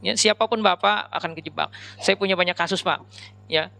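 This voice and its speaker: A man's voice: high-pitched, brisk, gravelly, pushed and bright. A man giving a conversational religious lecture, talking straight to the men and women in front of him. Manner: chatty, addresses audience directly as Pak and Bu. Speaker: Islamic preacher.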